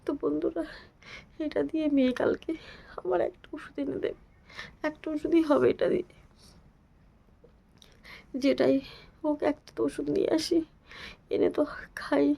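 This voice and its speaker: A woman with a sore, hoarse throat talking softly and half-whispering in a casual home vlog. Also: high-pitched, fairly even intonation, moderate pace, pauses often. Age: adult with a daughter. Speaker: vlogger.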